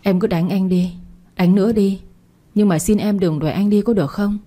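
A woman's voice: medium pitch, normal speed, warm tone, lightly acted. A woman voicing a remorseful young man who pleads and apologizes to his ex. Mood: pleading. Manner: begging, apologetic.

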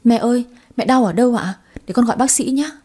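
A woman's voice: a little high, quick pace, dark tone, husky, pitched above the performer's own voice. A woman voicing an anxious, loving young daughter who talks in a pleading, tearful way. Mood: urgent.

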